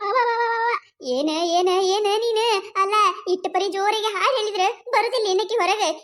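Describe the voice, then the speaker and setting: A fearful village gossip from a cartoon, voiced by a woman, with a North Karnataka accent. The voice is squeaky and very high. She frets and keeps repeating her worries. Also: steady tone, moderate pace, a bit bright. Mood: fretful. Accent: North Karnataka Kannada. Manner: fretful, repeats worried phrases.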